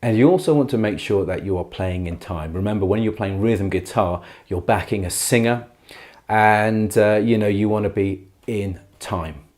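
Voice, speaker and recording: A man giving a beginner guitar tutorial in a careful, unhurried way, patiently and reassuringly explaining each step. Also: lowish voice, darkish tone. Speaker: guitar teacher. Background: acoustic guitar playing.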